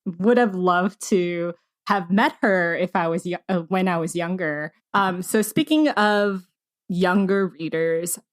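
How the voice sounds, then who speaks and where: Chatty woman podcast host, lotsa ums, lower pitched, laughs easy. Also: takes it slowly. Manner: chatty, many fillers, laughs readily. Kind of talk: casual interview chat.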